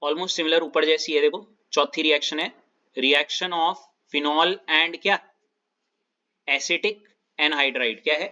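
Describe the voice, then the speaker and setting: A male chemistry teacher with a slightly high, sharp, forceful voice, walking students through reactions one step at a time and checking in with them after each point. The sound is dull and lo-fi, like audio from an online class. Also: slow.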